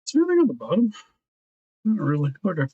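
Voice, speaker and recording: A man's voice: sits high, huge pitch swings, quick pace, warm tone, breathy edge, no echo, muffled recording. A man talking casually to his viewers while he sculpts and glues a custom figure, thinking aloud as he works. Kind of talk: casual work-along chat.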